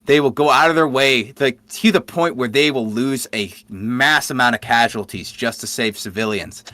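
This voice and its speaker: Male podcast co-host, profane and eager lore storyteller, bright tone, dry sound. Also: medium pitch, moderate pace, dry recording. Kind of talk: casual lore chat.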